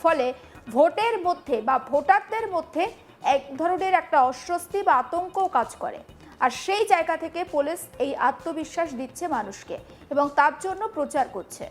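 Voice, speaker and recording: A woman's voice: very high-pitched, animated, moderate pace. A woman news anchor, presenting a news report.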